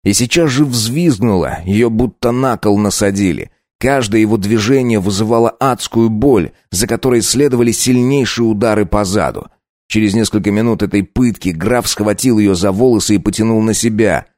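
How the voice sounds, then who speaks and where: A man narrating a dark audiobook in a steady storytelling voice. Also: on the low side, moderate pace, dry recording, studio quality.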